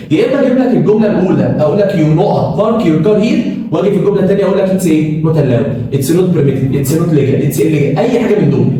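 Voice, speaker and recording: A man's voice: sits high, dark tone. Echoey Egyptian man teaching grammar. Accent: Egyptian Arabic. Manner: explains step by step with rhetorical questions and repetition. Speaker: English teacher. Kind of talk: classroom grammar lesson. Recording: very echoey room, voice from far off, faint noise.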